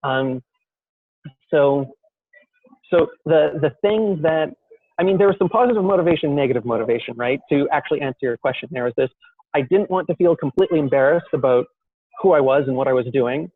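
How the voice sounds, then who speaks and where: A man's voice: on the high side, fairly quick, dry recording. A young man in an interview, telling his story in a rambling, self-deprecating way with many fillers and restarts. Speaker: guest entrepreneur. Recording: dry, tinny phone-like call audio.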